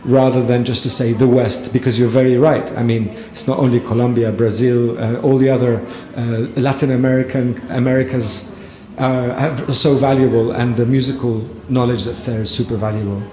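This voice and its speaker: His delivery is flat and brisk, the medium-pitched voice a little mellow, as this lecturer answers an audience member at a panel talk. Frequent ums and false starts break up his thoughtful reply. Echo fills the hall, along with faint noise.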